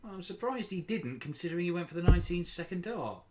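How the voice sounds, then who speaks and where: A man's voice: high-pitched, lively intonation, quick pace. A man giving live darts commentary, analysing the players' choices and reacting to each throw. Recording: loud background noise, clicks.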